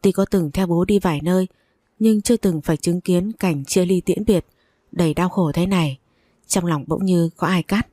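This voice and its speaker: Female storyteller, low and dark, dry close sound, steady first-person reading. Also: moderate pace, no room sound. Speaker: story narrator.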